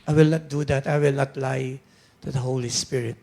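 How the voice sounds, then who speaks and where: Gravelly Filipino pastor preaching with fervor. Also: male voice, medium pitch, fairly even intonation, normal speed, a little hiss or hum. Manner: switches between Tagalog and English, rising to shouts. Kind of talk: sermon. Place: church sanctuary.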